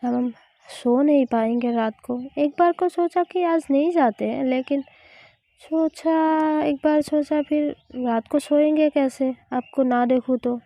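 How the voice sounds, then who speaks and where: A woman's voice: high-pitched, fairly even intonation, measured pace, warm tone, no room sound. A woman voicing a playful young college woman who teases her girlfriend. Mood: teasing. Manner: teasing, playful.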